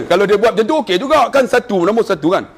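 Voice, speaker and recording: A man's voice: high voice, fast talker. A man from Malaysia with a Malaysian Malay accent, preaching a humorous sermon, telling stories and chanting recitation. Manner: animated storytelling with jokes and chanted recitation.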